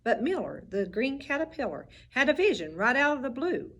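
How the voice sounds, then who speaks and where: A female teacher with a high-sitting voice reads a picture book aloud at a normal speed, using expressive storybook delivery and slipping in little asides about the pictures. The sound quality is lo-fi.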